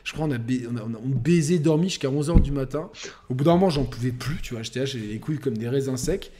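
A young man co-hosting a podcast, telling a crude story in a rambling, animated way with lots of fillers. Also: mid-range voice, fast, slight background noise. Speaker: podcast co-host. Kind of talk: casual storytelling chat.

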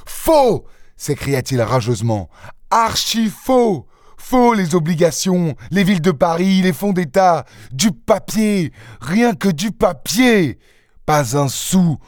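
A man voicing a proud, quick-tempered young gentleman burglar in an audiobook, speaking in a scornful, theatrical way. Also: medium pitch, no room sound, studio quality, lightly acted. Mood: furious. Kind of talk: audiobook character reading.

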